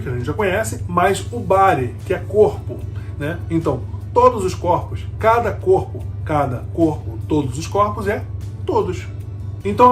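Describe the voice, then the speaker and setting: A man teaching an English lesson, patiently repeating key words and checking that the listener follows. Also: on the high side. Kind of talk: explanatory language lesson.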